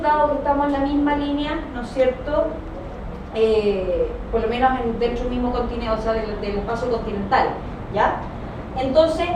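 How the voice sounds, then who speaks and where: A woman lecturer teaching a class in a didactic way, often checking that students follow with short tag questions. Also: high voice. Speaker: economics lecturer. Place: classroom, recorded from a distance. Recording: echoey room, distant mic, noisy background.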